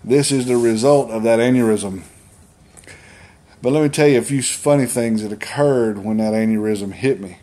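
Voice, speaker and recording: A man in his fifties with a Southern US accent, telling funny family stories in a folksy, deadpan way and acting out the quotes. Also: mid-range voice, normal speed. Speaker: storyteller. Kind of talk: stand-up storytelling.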